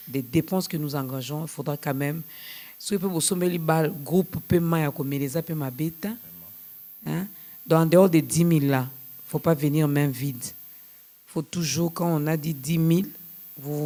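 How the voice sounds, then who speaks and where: A male host with a Congolese French accent chats casually with his guests. His voice sits a little high, and he jokes and repeats details back in a lively, easygoing way. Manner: jovial, repeats details back, animated interjections. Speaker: talk show host. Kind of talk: casual promotional chat.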